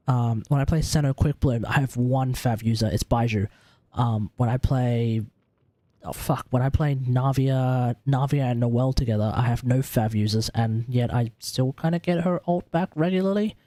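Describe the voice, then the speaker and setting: In a mellow, mid-range voice with no echo, a livestream host with an Australian accent talks through character builds for a game. His chat is loose, casual and sweary, as though he's working things out aloud.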